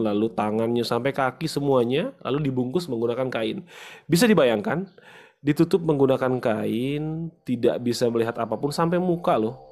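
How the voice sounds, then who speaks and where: A man hosting a casual channel, retelling an online story in a chatty way with frequent pauses and fillers. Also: mid-range voice, darkish tone. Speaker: host.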